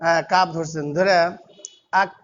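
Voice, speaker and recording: A man teaching Quranic pronunciation and repeating single syllables slowly, drawing out the sounds. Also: high-pitched. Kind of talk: pronunciation lesson. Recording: dull lo-fi recording with faint background noise.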